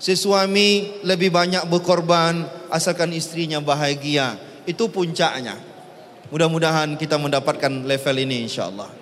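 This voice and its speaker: A man preaching a sermon, lively and jokey with emphatic rises and falls. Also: on the high side, normal speed. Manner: lively, jokey, rising and falling emphatic delivery. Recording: long hall reverb.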